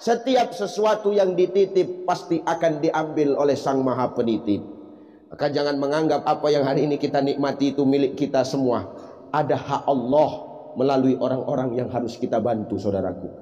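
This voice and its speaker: A man giving an animated, comedic sermon, acting out characters and breaking into song. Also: medium pitch, normal speed. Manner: animated, jokey, acts out characters, sings. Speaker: preacher. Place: event hall at a religious gathering. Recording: echoey hall sound.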